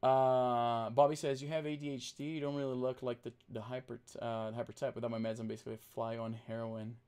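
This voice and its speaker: On a livestream, a Portuguese-speaking man from Brazil reads out chat and chats casually, restarting often and using fillers. He keeps his pace intentionally slow as trained for camera, and his medium-pitched voice is level, smooth, and somewhat dark.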